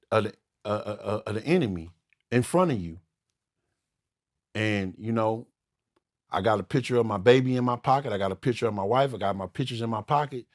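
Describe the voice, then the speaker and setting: A man guest in an interview, recalling his past hesitantly with many fillers. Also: on the low side. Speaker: podcast guest, former prisoner. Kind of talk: interview storytelling.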